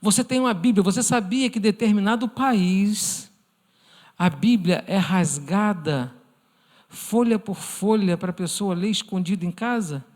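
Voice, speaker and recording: Brazilian male preacher, high voice, earnest, church hall reverb. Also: measured pace. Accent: Brazilian Portuguese. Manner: earnest, addresses listeners as brothers; acts out imagined prayers in a softened voice. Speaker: church teacher. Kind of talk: church lesson sermon.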